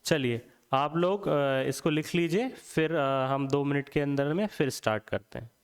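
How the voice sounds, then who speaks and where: A man's voice: a little high, a little slow, smooth, in a large hall. A man teaching a Hindi grammar lesson, asking the class questions and answering them himself, often checking in with "theek hai".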